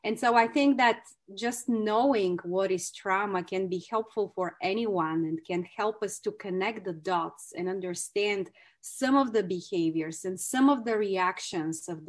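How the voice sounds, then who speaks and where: A Bulgarian-accented woman of medium pitch, working as a clinical psychologist, runs an effusive training talk over a video call. Her phrasing is noticeably non-native.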